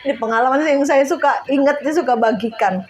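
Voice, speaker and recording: A woman from Indonesia preaching a sermon in a church, telling stories lively with frequent laughter and outcries. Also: high voice, a little fast. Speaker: lay preacher.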